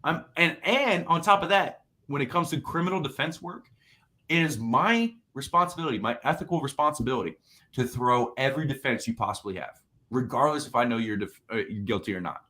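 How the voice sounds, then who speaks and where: A man's voice: medium pitch, fairly quick. A man, a defense attorney, chatting casually on a podcast and acting out what people said in his stories. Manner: animated storyteller, acts out quotes.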